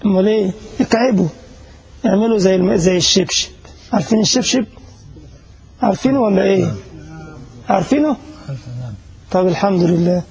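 Teaching a casual religious class to listeners in Germany, an Egyptian-accented sheikh jokes and chats, speaking to the audience directly and asking whether they're following. His high, darkish voice moves fairly quickly between long pauses, and the audio quality is poor.

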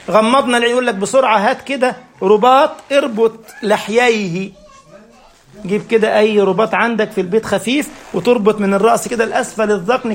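A man's voice: high voice, creaky. A man with an Egyptian Arabic accent giving a religious lecture. He asks his listeners rhetorical questions and answers them himself, explaining step by step with everyday examples. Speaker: preacher.

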